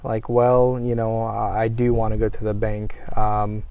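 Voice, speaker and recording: A man's voice: lowish voice, monotone, measured pace, mellow, smooth, no room sound. An American man chatting casually as a guest, hesitant, with many ums and restarts. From United States. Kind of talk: casual conversation.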